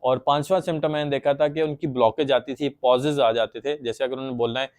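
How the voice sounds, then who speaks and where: A man's voice: mid-range voice, steady tone, quick pace, darkish tone. A man giving a patient, plain explanatory lecture on psychology, acting out stuttering examples as he goes.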